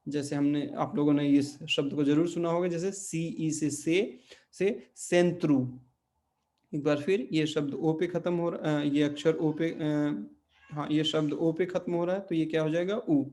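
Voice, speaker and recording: A man leads an online language lesson, going slowly and step by step, using many fillers and frequent check questions for his students. His voice is on the high side, steady and dark in tone.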